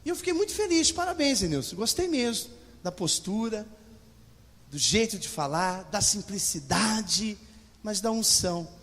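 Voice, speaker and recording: Animated pastor preaching in echoey church. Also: male voice, high voice, normal speed. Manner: animated preaching, addresses congregation directly. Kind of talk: sermon. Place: church hall. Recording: long church reverb.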